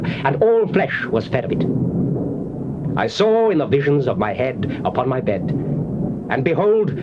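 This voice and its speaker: A proud Babylonian king declaims slowly and solemnly in a scripture drama. His middle-pitched voice comes through a dull cassette recording with heavy noise. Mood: grave, awestruck. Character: proud Babylonian king recounting a troubling dream. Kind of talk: dramatized scripture reading, declamatory theatrical acting. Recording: noisy, dull old cassette tape recording.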